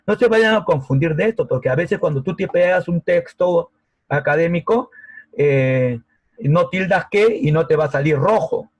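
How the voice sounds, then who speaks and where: A man's voice: a little high, animated, moderate pace, no room sound, lo-fi sound. A man teaching a grammar lesson over a video call, patient and often checking that students follow. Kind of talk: online grammar class. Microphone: laptop mic on a video call.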